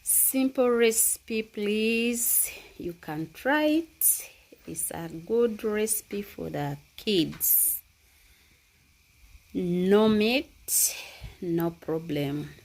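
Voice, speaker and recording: A woman's voice: medium pitch, expressive, darkish tone. A woman hosting a home cooking vlog, speaking in a casual, repetitive way and inviting viewers to try the dish. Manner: slow, repetitive, friendly invitations. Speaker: cooking channel host. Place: home kitchen.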